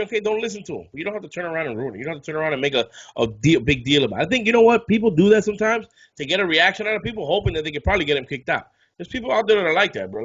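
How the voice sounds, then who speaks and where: A man's voice: fairly high pitch, a bit bright, breathy edge, highs cut off. A man co-hosting a casual podcast, telling a story in a heated rant full of swearing. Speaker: podcast co-host.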